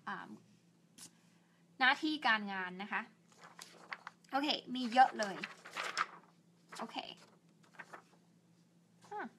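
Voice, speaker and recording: A woman's voice: high-pitched, background noise. A young woman teaching an English lesson, drawing out each English word and chatting in a friendly, self-deprecating way. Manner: slow, drawn-out English words with repeated Thai polite particles; chatty and self-deprecating, asks viewers for help. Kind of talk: bilingual online English lesson.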